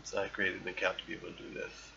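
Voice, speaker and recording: A man with a low, very gravelly voice talks his way through an old online game, reading its messages aloud and boasting with playful bravado. The sound is muffled and lo-fi, with a faint hiss underneath. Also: completely flat delivery, rapid-fire, pushed and bright. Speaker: podcast host. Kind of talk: casual gameplay commentary.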